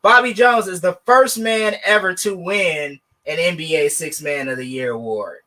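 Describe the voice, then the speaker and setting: A man co-hosting a podcast, animated and joking, with sarcastic asides in casual sports debate. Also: high voice, moderate pace. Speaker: podcast co-host.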